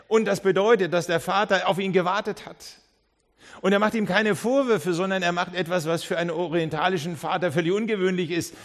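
A male pastor delivers a sermon with a voice pitched a little above the usual for a man. He tells the story with animation, slipping into the characters' parts and restarting his sentences along the way. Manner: lively storytelling that acts out the characters; frequent restarts and repeated words.

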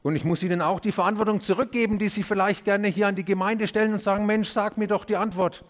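Speaking fast, a male pastor delivers a sermon straight to his congregation, posing earnest questions. His intonation stays fairly even overall, but he goes low and quiet on important words and lifts his voice when he urges.

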